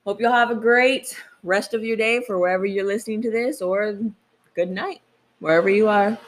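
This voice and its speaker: A woman's voice: mid-range voice, moderate pace, a little hiss or hum, low-quality recording. A young woman co-hosting a casual podcast, chatty and self-deprecating, swearing freely. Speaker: podcast co-host.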